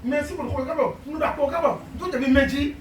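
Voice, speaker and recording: A woman preaches a sermon in a raised voice, firing rhetorical questions at her listeners and breaking into loud, emphatic declarations. She sounds distant from the microphone, with the room's echo ringing around her. A light hiss of noise sits under her voice. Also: high voice, steady tone, fairly quick. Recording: echoey hall miked from afar.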